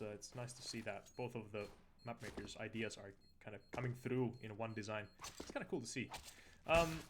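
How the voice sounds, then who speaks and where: A man with a fairly low voice commentates a video game match in a casual style. His delivery is halting, with searching pauses. There is clear noise behind him, with clicks and game audio bleeding through. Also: a bit bright. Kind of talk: casual esports commentary over gameplay.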